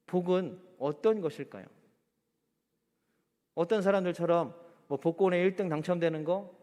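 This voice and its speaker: High-voiced male pastor in a reverberant hall. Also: darkish tone. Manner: rhetorical questions to the congregation; acts out quoted speech in a chatty voice. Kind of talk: sermon. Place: church.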